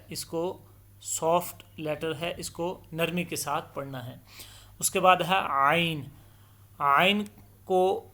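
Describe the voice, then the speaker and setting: Patient male Quran teacher drawing out letters. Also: a little high. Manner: draws out each letter sound slowly and loudly in demonstration; patient explanatory tone, mixes in English terms. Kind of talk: step-by-step letter pronunciation lesson.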